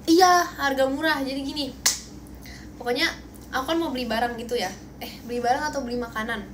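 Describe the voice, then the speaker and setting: High-voiced young indonesian girl chatting on a phone stream, bubbly, keeps thanking viewers, faint hum behind. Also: steady tone, a little fast. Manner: bubbly, thanks viewers for gifts, playful protests. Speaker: idol livestream host. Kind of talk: casual livestream chat. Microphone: phone livestream.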